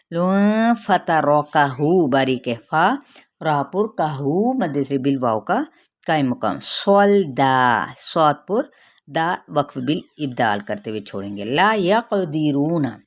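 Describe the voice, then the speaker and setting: Female tajweed teacher, Pakistani Urdu accent, low pitch, slow drawn-out recitation then brisk explanation. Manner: recites words slowly then explains rules. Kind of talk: tajweed lesson.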